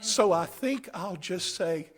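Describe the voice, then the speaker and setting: Slow-paced and animated, a high-pitched male preacher gives an emphatic camp meeting sermon. He swings between whispered phrases and loud cries, repeating short phrases to stress his points.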